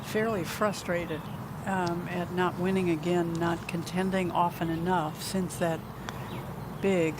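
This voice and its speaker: Male golf analyst, high voice, chatty commentary with pauses, noisy outdoor course. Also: little pitch movement. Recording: loud outdoor course noise.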